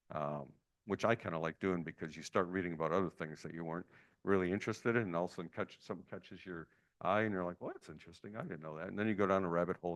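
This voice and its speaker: A man's voice: low voice, a bit bright. A middle-aged man giving an informal, rambling library talk full of anecdotes and "uh" fillers. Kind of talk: informal lecture.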